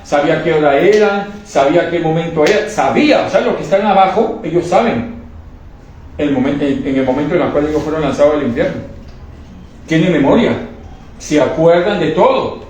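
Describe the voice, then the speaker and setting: Man, emotional religious testimony, fervent, repetitive, halting restarts, distant mic, very echoey room. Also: on the high side, a little mellow, slight background noise. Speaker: testimony speaker.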